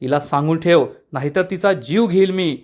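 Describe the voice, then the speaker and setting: A man's voice: on the high side, normal speed, darkish tone, natural voice. Male reader as a strict, scolding mother. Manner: scolding, furious. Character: angry strict village aunt and mother.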